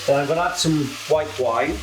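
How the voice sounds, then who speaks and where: A man's voice: fairly high pitch, normal speed, reverberant, heavy background noise. A British man with a camp, cheeky manner, casually presenting a cooking demonstration as a home cook. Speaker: home cook presenting own recipe show. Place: indoor kitchen.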